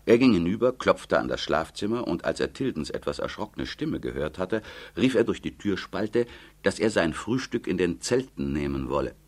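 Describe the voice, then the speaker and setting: A man narrating an audiobook with a measured, expressive reading. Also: low-pitched.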